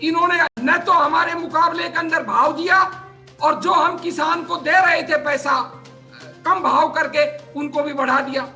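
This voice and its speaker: A combative man argues in a TV news debate, his voice high and piercingly bright. He fires off numbers one after another and keeps talking over the others, with faint music under the studio audio. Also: steady tone, measured pace. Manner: combative, rattles off figures, talks over others. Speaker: political party spokesman. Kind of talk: heated TV debate.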